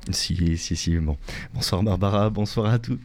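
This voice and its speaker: A man's voice: lowish voice, normal speed, background noise. A man giving a prepared radio talk on economic history, lecturing and correcting himself with small jokes. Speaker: radio columnist.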